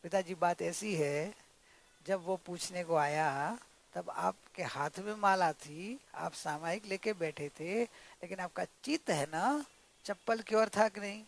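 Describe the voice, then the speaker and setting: A man voicing a calm, humble young daughter-in-law who speaks softly and apologetically. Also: high-pitched, moderate pace. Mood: gentle, humble. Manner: soft, gentle, apologetic.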